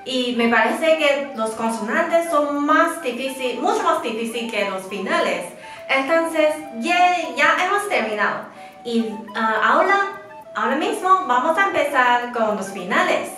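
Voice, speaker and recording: A woman, a Mandarin speaker, giving a slow and patient beginner lesson, drawing out syllables for her students to repeat. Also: high voice, animated, sharp tone, faint music behind. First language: Mandarin Chinese. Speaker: Chinese teacher. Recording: roomy echo.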